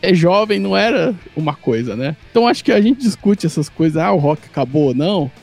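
A man's voice: fairly high pitch, sing-song, quick pace, creaky, darkish tone, soft background music. A man with a Brazilian accent reflecting in a colloquial, storytelling way during a casual podcast discussion.

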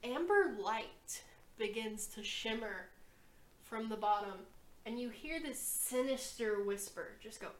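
Slow-paced woman game master, echoey. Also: a little high, lively intonation. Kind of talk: narrating a tabletop game. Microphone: online call.

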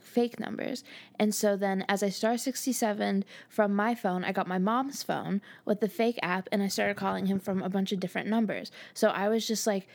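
Giggly young woman co-hosting a chat. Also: mid-range voice. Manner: giggly, chatty storyteller. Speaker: podcast co-host. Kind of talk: casual chat.

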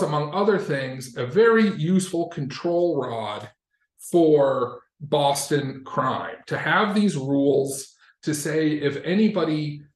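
A man's voice: on the high side, reverberant. A man from Massachusetts co-hosting a podcast in a casual, discursive explaining style, with wry asides and swearing. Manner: discursive, self-correcting, with wry asides and profanity. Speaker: podcast co-host.

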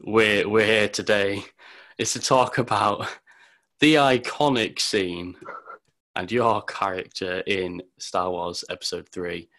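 Low-voiced young man. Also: steady tone, slow pace, fairly bright tone. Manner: friendly, easily laughing, rambling. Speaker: podcast host. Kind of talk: casual chat.

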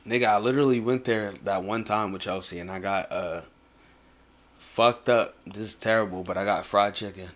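Young adult American male, lowish voice, casual foul-mouthed bro talk full of slang. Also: fairly even intonation, normal speed, fairly bright tone. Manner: slangy, swearing, bro-heavy banter. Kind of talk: casual chat.

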